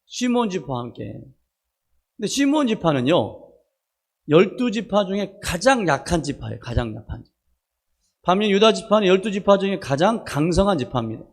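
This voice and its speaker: A man's voice: sits high, big pitch swings, normal speed. A man, a pastor preaching a sermon in a chatty way, telling personal stories and asking the congregation for an amen. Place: church worship service.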